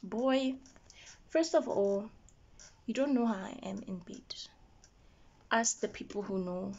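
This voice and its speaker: Young woman vlogger, unhurried and indignant storyteller, muffled lo-fi recording. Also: mid-range voice, slight background noise. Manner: animated, indignant retelling with quoted dialogue. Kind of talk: get-ready-with-me storytelling. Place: at home doing makeup.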